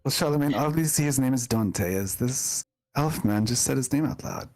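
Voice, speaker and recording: A man playing a polite, awkward lordly gentleman in a tabletop game, with formal, hesitant, courteous phrasing. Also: medium pitch, moderate pace, lightly acted. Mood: dryly teasing.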